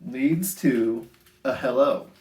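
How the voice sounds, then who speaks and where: At a children's storytime, a medium-pitched man reads picture books aloud expressively, in a sing-song manner that draws out his phrases. The indoor sound is roomy and echoey.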